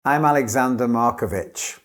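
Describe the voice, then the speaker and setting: A man speaks in a clear, careful, measured way. He teaches English and gives scripted model answers as a candidate in a mock test. His voice sits at a middle pitch. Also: a bit bright.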